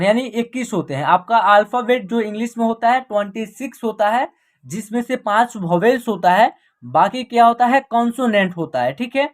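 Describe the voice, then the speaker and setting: A woman teaches an online English reading class at a steady classroom pace. She spells words out letter by letter, poses short rhetorical questions and answers them herself. She checks in with the class over and over, keeping the tone patient and instructive. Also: a little high. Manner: repeats "ठीक है" as a check-in.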